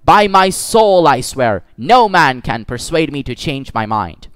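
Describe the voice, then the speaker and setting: A man's voice: medium pitch, very animated, a little slow, no echo, faint music behind. A man doing a stubborn cruel moneylender. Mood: impatient. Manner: impatient, insistent.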